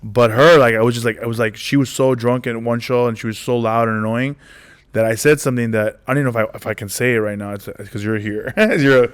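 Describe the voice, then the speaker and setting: A man who does stand-up comedy, chatting in a loose, rambling way. He keeps restarting his sentences and fills them with "like" and "you know". He slips into quick impressions of the people in his stories. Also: mid-range voice, fairly even intonation, clear, resonant tone. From United States. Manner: rambling, many restarts and "like" fillers, acts out quoted voices. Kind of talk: casual interview storytelling.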